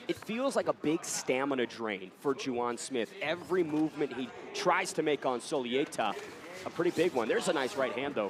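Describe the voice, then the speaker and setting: A man giving polished live play-by-play commentary on a cage fight broadcast. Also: mid-range voice.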